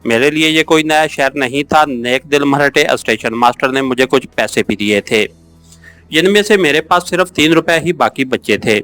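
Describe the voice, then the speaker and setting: A man narrating a first-person adventure novel as an audiobook, in a steady, measured storytelling manner. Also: on the high side.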